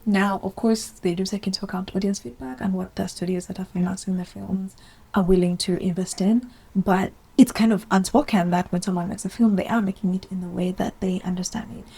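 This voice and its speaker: A woman's voice: medium pitch, fairly even intonation, a little fast, gravelly, warm tone, breathy edge. A woman giving chatty, opinionated commentary in a casual vlog, rambling with asides. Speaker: video essayist.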